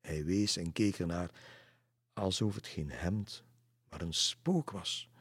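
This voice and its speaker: A man reading a storybook aloud in a calm, even manner. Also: sits low, slow, husky. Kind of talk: storybook narration.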